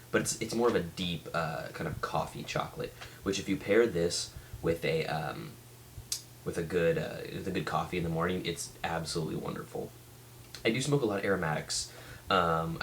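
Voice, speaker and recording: A man giving a casual, rambling product review as a vlog reviewer, speaking haltingly and often restarting his sentences. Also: deep voice, a little hiss or hum. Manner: halting, with many restarts and trailing thoughts. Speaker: pipe tobacco reviewer.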